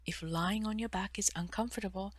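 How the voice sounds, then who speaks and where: In a soft, breathy, mid-range voice, a therapist and meditation guide talks listeners through a mindful stretching meditation. Her instructions are gentle and measured, broken by pauses, and often fade almost to a whisper, with no room sound present.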